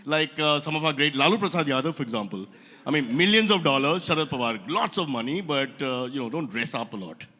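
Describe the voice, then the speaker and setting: Bright-voiced Indian comedian roasting a crowd. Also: male voice, fairly high pitch, lively intonation. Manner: teasing rapid banter with crowd asides. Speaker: comedian host. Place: event hall stage. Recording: reverberant event hall.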